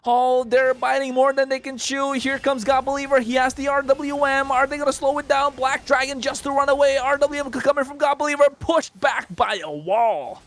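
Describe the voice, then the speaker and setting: A man casting a mobile esports match live, with rapid, excited play-by-play calls and chants. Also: very high voice. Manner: excited, fast-paced calls with wordplay. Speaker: esports caster. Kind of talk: play-by-play commentary.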